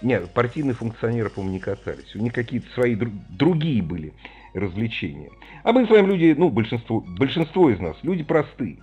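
A man's voice: mid-range voice, big pitch swings, fairly quick, darkish tone, husky, highs cut off, faint music behind. A man in his fifties hosting a call-in radio show, chatty and jokey as he reminisces with callers. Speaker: radio host.

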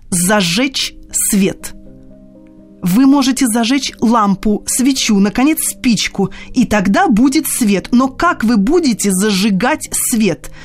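A woman's voice: on the high side, a little mellow. A woman voicing a pompous, indignant male suitor in an audiobook of comic stories, speaking in a dry, haughty, sarcastic lecturing manner. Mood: mocking.

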